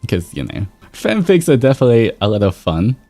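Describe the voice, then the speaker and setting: A man runs a livestream as a VTuber host, chatting and rambling casually to the people watching while music plays in the background. His somewhat low, mellow voice is brisk, and its pitch swoops wildly.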